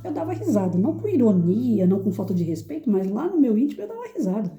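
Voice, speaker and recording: Dark-voiced woman teacher in an echoey room. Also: sing-song, fast, lo-fi sound. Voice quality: firm, clear projecting voice. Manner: acts out quoted lines in sudden high shrill voices. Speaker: teacher and educator. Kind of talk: reflective talk to an audience.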